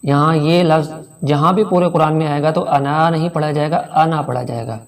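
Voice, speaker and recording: A man with a Pakistani Urdu accent teaching a tajweed lesson, explaining pronunciation rules plainly and then chanting verses slowly and drawn out. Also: fairly high pitch, steady tone, recorded from a distance. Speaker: Quran recitation teacher.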